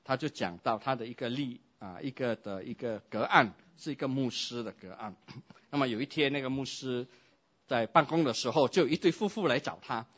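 A man preaching a sermon, telling a story and acting out its dialogue with lively shifts. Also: medium pitch, fairly quick, highs cut off. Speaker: pastor.

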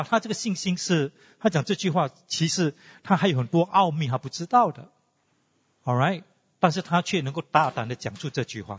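A husky man with a somewhat raised, very animated voice teaches a class and keeps throwing questions at his students. He slips English words into his talk. The sound is dull, with a long hall reverb behind it. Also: fairly high pitch. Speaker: teacher leading a class discussion.

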